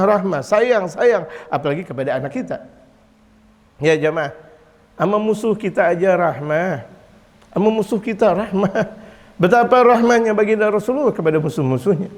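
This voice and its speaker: Male preacher, high voice, animated delivery with loud outbursts, long hall reverb. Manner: lively, swings from quiet to loud, chuckles often. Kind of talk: Islamic sermon in Indonesian.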